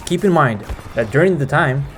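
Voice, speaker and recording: A man's voice: on the high side, lively intonation, moderate pace, a bit bright, a little hiss or hum. A man hosting a gaming video, narrating a scripted guide with informal asides.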